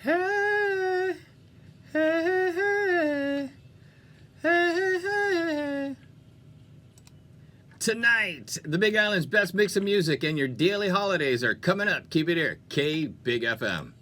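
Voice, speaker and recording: Speaking slowly with long pauses, a male DJ uses a high, sharp voice that swings widely in pitch. He presents a music program from a radio studio, staying upbeat and playful with casual jokes along the way.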